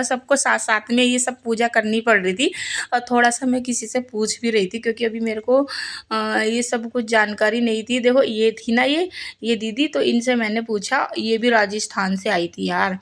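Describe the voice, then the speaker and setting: A young woman narrating her vlog in a chatty way, talking straight to her viewers as friends. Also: a little high. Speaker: vlogger. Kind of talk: casual vlog voice-over.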